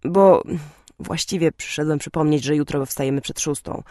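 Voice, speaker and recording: A timid middle-aged father speaks softly and hesitantly, then rambles on once he gets going, as a woman narrator puts him on. His voice sits near the reader's own, in a dry storybook reading. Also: low-pitched, normal speed, no echo, lightly acted. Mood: chatty. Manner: hesitant, gently nostalgic.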